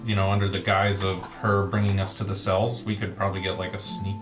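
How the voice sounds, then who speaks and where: A man's voice: low voice, flat delivery, brisk. A man chatting casually as a player at a tabletop game, hesitant and rambling. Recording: roomy sound with background music.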